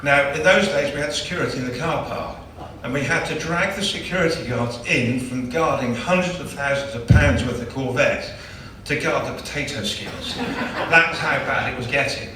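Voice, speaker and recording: A man's voice: mid-range voice, moderate pace, hardly any pauses, bright, forceful tone, a little hiss or hum. A man, a club chairman, gives a chatty, joking after-dinner award speech. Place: large banquet hall. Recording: echoey hall, distant mic.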